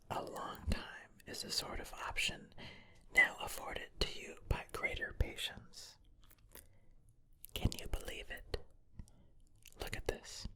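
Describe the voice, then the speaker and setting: Slow whispered pep talk, crisp and bright. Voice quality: whispered, breathy. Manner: slow, deliberate delivery with playful, tongue-in-cheek encouragement. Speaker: ASMR host.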